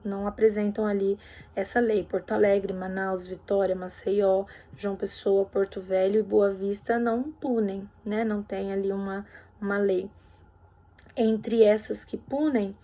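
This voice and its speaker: A woman's voice: mid-range voice, a little mellow. A woman teacher going over workbook answers in a recorded lesson, explaining patiently step by step and checking in with tag questions.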